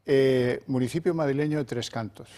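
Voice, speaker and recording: A man's voice: medium pitch, moderate pace, mellow. A man hosting a political panel, chiming in briefly and playfully.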